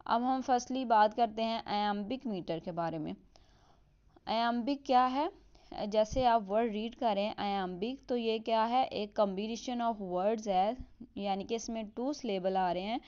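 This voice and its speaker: A woman with a smooth, clear voice explains a lesson step by step. She mixes English terms into her Hindi and reads the example lines slowly. The recording sounds a little dull and lo-fi. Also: fairly high pitch, a little mellow. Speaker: teacher.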